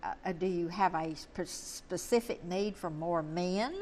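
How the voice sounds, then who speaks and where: A woman's voice: on the low side, a little slow, darkish tone, slight background noise. A woman hosting a conversational interview in a folksy manner. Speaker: interview host.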